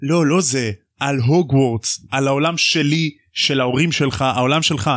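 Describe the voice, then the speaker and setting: A man voicing a huge, gruff male half-giant gamekeeper who is protective and bursts out indignantly. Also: medium pitch, fairly bright tone, no room sound, clean studio sound, lightly acted.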